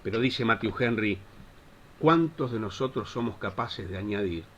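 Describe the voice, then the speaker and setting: A man's voice: lowish voice, lively intonation, normal speed, fairly bright tone, slight background noise. A man teaching a Bible institute class in a preaching style, impassioned and full of rhetorical questions. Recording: dull lo-fi recording.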